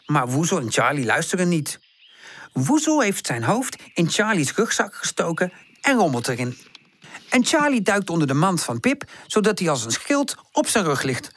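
A woman narrating a children's audiobook in an expressive, sing-song way. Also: lowish voice, normal speed, dry recording.

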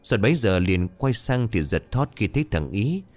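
A man narrating a ghost story in a dramatic, expressive way. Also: fairly low pitch, normal speed.

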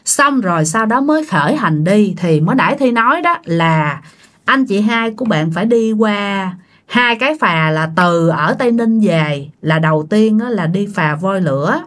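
A woman's voice: mid-range voice, animated, normal speed. A woman with a Southern Vietnamese accent telling a ghost story in a chatty, casual way, addressing her listeners directly.

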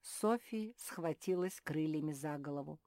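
A woman calmly narrating a children's storybook. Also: deep voice, measured pace, no room sound, clean studio sound. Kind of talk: storybook reading.

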